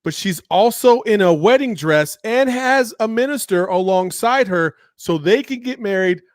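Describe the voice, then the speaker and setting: A man's voice: high voice, normal speed, no echo, clean studio sound. A man co-hosting a podcast, telling stories with lots of laughter in casual chat. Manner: laughing, animated storytelling. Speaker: podcast co-host.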